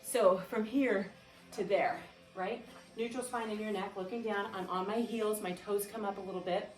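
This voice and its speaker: A woman's voice: mid-range voice, fairly even intonation, normal speed. Woman fitness coach counting down reps, kinda far from the mic, faint music going. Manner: upbeat coaching cues and countdowns. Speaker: fitness instructor. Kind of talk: workout class instruction. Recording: echoey room, mic at a distance, faint music. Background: faint background music.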